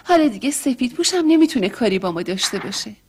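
A woman's voice: a little high, very animated, a little hiss or hum. A timid sickly young girl. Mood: anxious. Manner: anxious, pleading.

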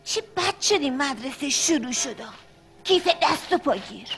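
A woman voices a young goatherd boy in an animated series, shy and dutiful. His voice sits very high and boyish, and his lines come out hesitant and unsure. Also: creaky, soft background music, heavily acted.

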